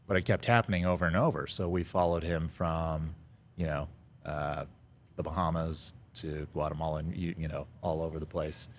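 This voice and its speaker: In a casual interview on a podcast, the guest, a middle-aged restaurant founder, recounts his background in a very low-pitched voice. Frequent "uh"s and "um"s break up his halting delivery, and a relaxed chuckle slips out here and there.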